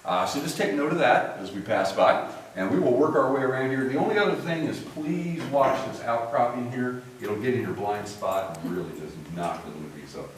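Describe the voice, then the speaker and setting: A man's voice: medium pitch, normal speed. A man working as a cave tour guide, giving informal explanatory commentary with trailing sentences, his voice echoing in the cave. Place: inside a limestone cave. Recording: echoing cave, distant mic, faint noise.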